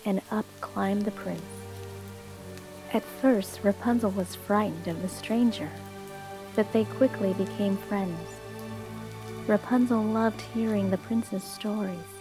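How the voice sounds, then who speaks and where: A woman telling a bedtime fairy tale in a soft, soothing narration. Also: mid-range voice, takes it slowly, low-quality recording. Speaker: storyteller. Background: soft calm music and rain.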